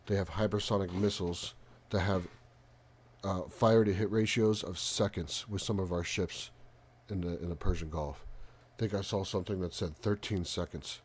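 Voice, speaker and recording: Soft-spoken man with a very low voice. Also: steady tone. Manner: halting, frequent pauses and ums. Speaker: live talk show host. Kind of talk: live stream commentary, casual.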